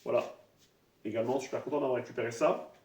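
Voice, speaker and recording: A man's voice: medium pitch, quick pace. Man casually showing his records, roomy sound. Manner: relaxed, hesitant, many fillers and restarts. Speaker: vinyl collector presenting records. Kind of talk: casual vinyl haul presentation. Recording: roomy echo, voice a bit far from the mic.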